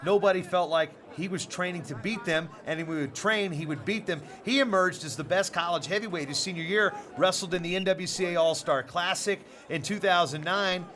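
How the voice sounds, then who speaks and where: Brisk male wrestling play-by-play announcer. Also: high-pitched, sharp tone. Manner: brisk broadcast delivery, reads sponsor lists. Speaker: play-by-play commentator. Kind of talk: sports commentary.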